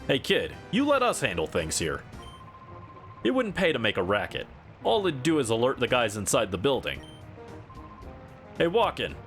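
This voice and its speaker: A man plays a confident gang boss from a video game, protective and commanding. The delivery is firm with lively swings in pitch, and faint game music plays behind. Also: normal speed, long pauses. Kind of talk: reading video game dialogue in character.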